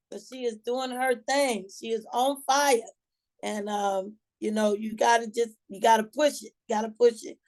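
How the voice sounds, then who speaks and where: A woman's voice: fairly high pitch, darkish tone. A woman from Georgia with a Southern US accent speaks in a folksy, encouraging, colloquial way, leading a motivational sales team call. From Georgia, USA. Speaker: sales team leader hosting a morning call.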